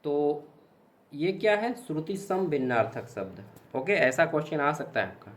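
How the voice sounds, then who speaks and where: Chatty and explaining with examples, a young exam-prep teacher repeats points, checks with students, and answers his own questions. His voice has a fairly high pitch, lively intonation, and a moderate pace.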